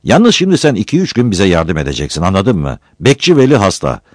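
A man's voice: low-pitched, very animated, a little fast, dry recording, studio quality, pitched above the performer's own voice. A man voicing a pompous village headman giving orders to a young man. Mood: bossy. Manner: bossy, commanding. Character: pompous middle-aged male village headman.

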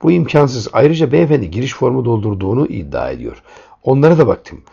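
A man's voice: mid-range voice, sing-song, brisk, gravelly, dark tone, breathy edge, heavily acted. A man voicing a curt young woman hotel receptionist, polite but firm and clipped, in a dull lo-fi recording.

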